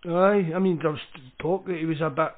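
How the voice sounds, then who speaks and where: A man's voice: on the high side, fairly even intonation, fairly quick. A Scottish man co-hosting a podcast, talking football in a casual, colloquial, matey way. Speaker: podcast co-host. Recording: thin phone-like call audio.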